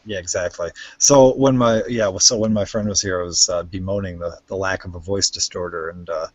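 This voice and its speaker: A man with a low, husky voice talks loosely on a live stream, stumbling through stories with restarts and fillers. His home mic sounds dull and lo-fi, and there is no room echo at all. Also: fairly even intonation, a little mellow. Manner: rambling, halting, many restarts and fillers. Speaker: stream co-host. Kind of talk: casual chat. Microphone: home computer mic.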